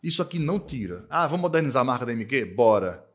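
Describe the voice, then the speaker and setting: A man from Northeast Brazil who runs an accounting firm, talking in a casual podcast conversation, emphatic and repetitive, tagging his points with quick checks for agreement. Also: medium pitch, very animated. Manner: emphatic, repeats himself, tag questions "tá?" and "né?".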